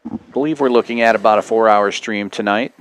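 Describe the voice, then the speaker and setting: A man's voice: fairly low pitch, quick pace, rough recording. A man hosting a poker stream, giving casual live commentary on the game.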